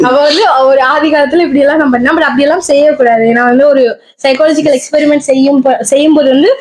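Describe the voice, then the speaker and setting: A woman's voice: sits high, steady tone, quick pace, darkish tone. A woman telling a story in casual chat as a podcast co-host, laughing often.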